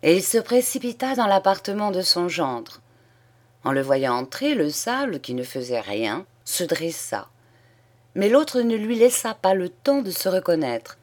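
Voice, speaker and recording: Slow, low-voiced woman reading a story. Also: very animated, darkish tone. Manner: measured, deliberate reading. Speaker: audiobook reader. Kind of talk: literary audiobook narration.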